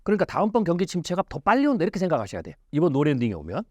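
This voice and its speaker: Guy guest explaining stuff, slightly high voice, lots of rhetorical qs, dry close sound. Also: huge pitch swings, racing, no room sound. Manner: emphatic, rhetorical questions. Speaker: futurist guest. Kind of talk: explanatory interview talk.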